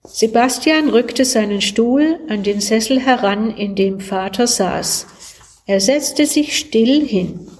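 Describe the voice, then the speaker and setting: Brief: woman narrator, mellow warm tone, unhurried devotional story reading. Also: fairly high pitch.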